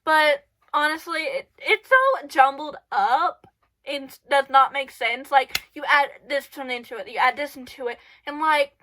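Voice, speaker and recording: This woman's high voice is pushed and bright and comes a little slowly. On her own channel she gives casual advice, rambling with plenty of fillers, her voice stuffy and congested from a cold, captured by a camera in her bedroom.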